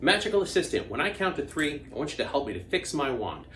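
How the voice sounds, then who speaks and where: Animated kids' party magician, lively swooping pitch. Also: fast, echoey room, slight background noise. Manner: kids' party magician: exclamatory, coaxing, playful call-and-response. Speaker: children's magician and show host. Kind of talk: interactive kids' party magic show for camera.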